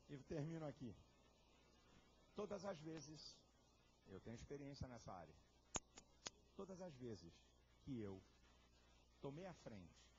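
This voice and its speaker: A man preaching a sermon with a Brazilian Portuguese accent, swinging between loud shouts and low, confiding talk. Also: highs cut off, background noise. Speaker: pastor. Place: large church hall.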